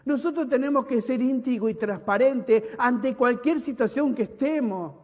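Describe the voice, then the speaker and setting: A male pastor preaching a sermon, reading scripture with emphasis and then dropping to soft, close asides. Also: very high-pitched, normal speed. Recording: long hall reverb.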